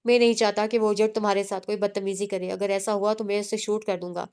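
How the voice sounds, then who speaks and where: A woman's voice: medium pitch, flat delivery, darkish tone, clear, resonant tone, natural voice. A woman voicing a short-tempered, possessive young male cousin in a story reading, speaking with scorn and commands. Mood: bossy.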